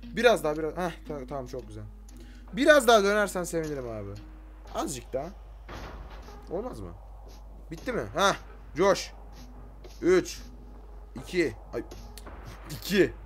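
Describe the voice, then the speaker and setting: A teenage man from Turkey giving casual, joking gameplay commentary, talking to game characters and swinging from quiet mutters to sudden shouts. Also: a little high, sing-song, normal speed, long pauses, slight background noise. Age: late teens. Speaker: gaming YouTuber.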